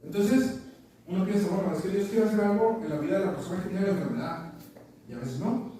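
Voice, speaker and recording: A man's voice: high voice, fairly quick, mellow. A man preaching a sermon, telling stories and repeating words as he searches for them. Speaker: pastor. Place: church meeting room. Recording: echoey church room from far off, faint noise.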